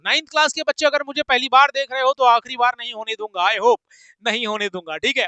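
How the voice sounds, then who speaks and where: High-pitched jokey man teaching maths. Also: clear, resonant tone, no echo, low-quality recording. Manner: jokey, teasing, sing-song, switches between loud and soft. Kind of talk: playful online maths lesson.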